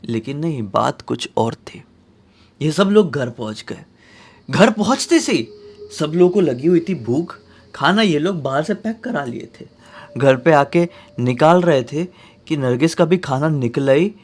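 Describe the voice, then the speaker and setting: A man telling a horror story in a casual, dramatic way, swinging between loud bursts and hushed tones. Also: a little high, animated, a little slow.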